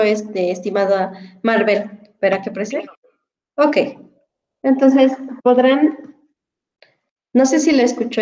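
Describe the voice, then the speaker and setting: A woman's voice: on the high side, a little mellow, dull audio. A woman, an English teacher explaining a dictionary app to her students in an online class, patient and full of fillers, speaking into a headset. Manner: explanatory, addresses students formally, many fillers.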